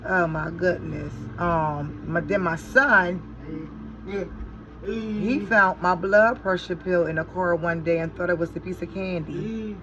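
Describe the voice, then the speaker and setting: A woman's voice: lowish voice, takes it slowly, music in the background, poor audio. Chatty middle-aged woman vlogging. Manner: chatty, animated storytelling to viewers; exasperated, swearing in frustration. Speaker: beauty vlogger and mother. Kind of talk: casual chat while doing makeup.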